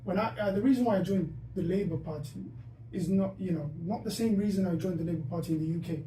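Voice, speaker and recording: Talking fast in a high, mellow voice, a young man hosts a casual podcast discussion, his thoughts coming in bursts with many restarts. He isn't a native Dutch speaker. The room echoes, the mic sits some distance off, and there's faint noise.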